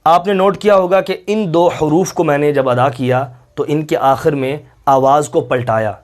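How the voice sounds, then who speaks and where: Patient man drawing out letter sounds. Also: fairly high pitch. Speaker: Quran reading teacher. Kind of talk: step-by-step recitation lesson.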